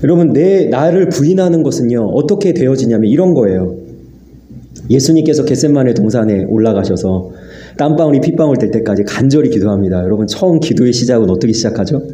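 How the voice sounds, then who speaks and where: Earnest pastor preaching in an echoey church. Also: male voice, mid-range voice, animated, fast, dark tone, slight background noise. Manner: earnest, acts out dialogue with God. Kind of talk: sermon. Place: church sanctuary.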